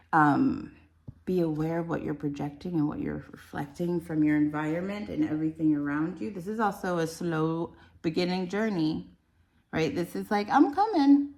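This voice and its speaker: A woman's voice: sits low, vocal fry, darkish tone, reverberant. A woman giving a casual, rambling spiritual card reading, chatty and enthusiastic. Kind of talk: casual tarot-style reading.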